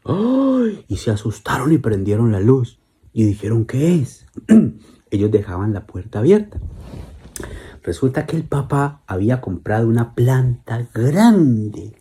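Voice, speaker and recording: A man narrating a children's bedtime story slowly and gently, with repetitions. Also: medium pitch, lively intonation, slightly rough. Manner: slow, gentle, repetitive telling.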